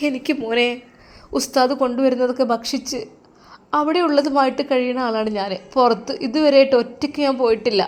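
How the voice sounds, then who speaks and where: Woman doing a hushed, tearful middle-aged wife, high voice, storybook drama. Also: fairly even intonation, very fast, hardly any pauses, lightly acted. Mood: tearful pleading. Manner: soft, tearful, pleading. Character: grieving middle-aged wife of a sick teacher.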